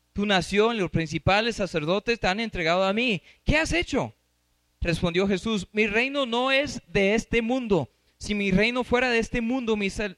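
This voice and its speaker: A man's voice: sits high, fairly bright tone, no echo. A man preaching and teaching from scripture. He reads passages aloud and stops to quiz his listeners. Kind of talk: Bible teaching.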